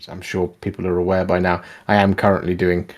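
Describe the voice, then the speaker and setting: A man chatting as a guest on a hobby livestream, relaxed and agreeable. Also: deep voice, a little fast. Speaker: guest host. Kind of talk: casual hobby chat livestream.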